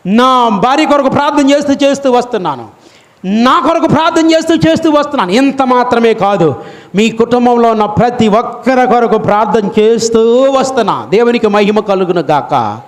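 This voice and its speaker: A man preaching a fiery, scolding sermon as pastor, voice climbing to shouts. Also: extremely high pitch, moderate pace. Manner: scolding, emotional, rises to shouting; acts out congregation members in quoted asides.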